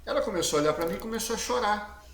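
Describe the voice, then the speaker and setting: A man, a guest telling his testimony in a casual interview, talking loudly and acting out the dialogue he quotes with plenty of slang. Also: sits high, very fast, vocal fry. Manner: lively storyteller who acts out quoted dialogue, slangy; speaks loudly. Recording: echoey room with faint background hiss.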